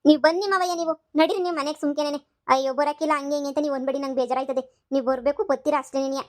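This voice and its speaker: A woman's voice: little pitch movement, rapid-fire, close to an everyday voice. A woman voicing a sly young village housemaid in a cartoon comedy, coaxing and wheedling. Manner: high-pitched, coaxing and wheedling.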